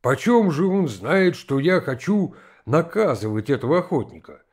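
Man voicing a stern father, measured, husky, storybook reading. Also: a little high, very animated, a little mellow.

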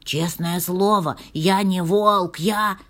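A woman's voice: on the low side, fairly even intonation, slow, a bit bright. A woman doing a bewildered stammering little donkey. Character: timid gentle male donkey, turned wolf in a dream.

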